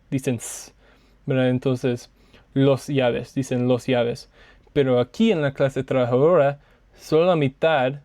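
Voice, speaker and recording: Hesitant man presenting slides, smooth voice. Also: mid-range voice, darkish tone, dry recording. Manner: hesitant, many fillers and self-corrections. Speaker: student presenter.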